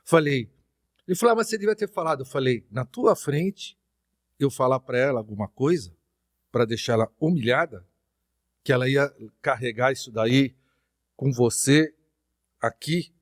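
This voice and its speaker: Man, middle-aged, Brazilian accent, podcast guest, storytelling, reenacts dialogue, mid pitch, dry close sound. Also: measured pace, long pauses, dry recording. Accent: Brazilian Portuguese. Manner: lively anecdotal, reenacts dialogue with quoted voices. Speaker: interview guest.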